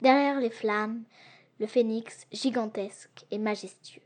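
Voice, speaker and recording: A woman narrates an adventure audiobook with a high, clear voice. Her reading is lively and expressive, leaning into each turn of the tale. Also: a little slow. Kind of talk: storybook narration.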